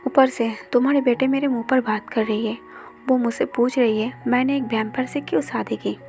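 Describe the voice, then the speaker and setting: A woman voicing a quick-tempered young man who scolds and quarrels, telling the story in Hindi. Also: on the high side, fairly even intonation, a little mellow, faint music behind, lightly acted. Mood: sulky.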